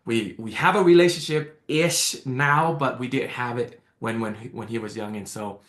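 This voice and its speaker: The guest here is a man from American Samoa, Tongan by first language, with a mid-range voice at a moderate pace. Eager and excited, he often restarts and repeats himself during the casual interview, which comes through a video call in an echoey room.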